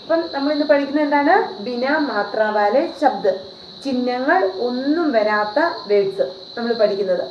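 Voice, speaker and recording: A woman with a slightly high voice teaches a video lesson, patient and repetitive, often posing questions to her viewers. The recording is roomy and dull, with a faint hiss behind her. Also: animated, moderate pace. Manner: patient, repeats and asks rhetorical questions. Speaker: Hindi teacher. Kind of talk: classroom-style video lesson.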